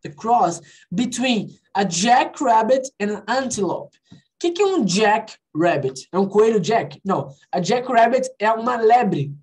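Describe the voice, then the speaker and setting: A woman's voice: on the high side, big pitch swings, a little slow, darkish tone. Brazilian woman teaching English online. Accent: Brazilian Portuguese. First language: Portuguese. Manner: mixes English and Portuguese, repeats checks like "alright?" and "ok?". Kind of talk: online class explanation.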